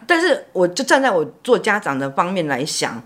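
A middle-aged woman, co-hosting a casual podcast chat as a mother and telling rambling, animated stories. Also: fairly low pitch. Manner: animated storyteller, fast and rambling.

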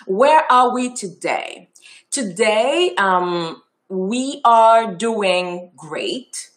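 A woman's voice: mid-range voice, animated, very slow. A woman from Haiti with a French and Creole accent, giving a chatty presentation full of ums and restarts. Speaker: festival founder giving a talk. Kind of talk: casual presentation talk.

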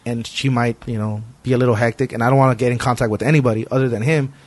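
A man's voice: mid-range voice, steady tone, very fast, a little mellow. A man hosting a podcast, talking casually and earnestly in informal, slangy language. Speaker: podcast host. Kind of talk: casual conversation.

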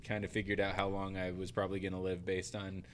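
A man with a fairly low voice hosting a casual podcast. He is relaxed and chatty, leading questions and telling stories at an easy pace. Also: fast, a little hiss or hum. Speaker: podcast host. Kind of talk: casual faith podcast chat.

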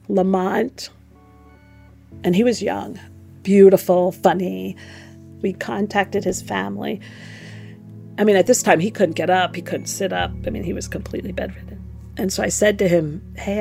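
A woman's voice: medium pitch, fairly even intonation, normal speed, gravelly, dark tone, faint music behind. A middle-aged woman, a former nun, telling her story frankly and reflectively in an interview.

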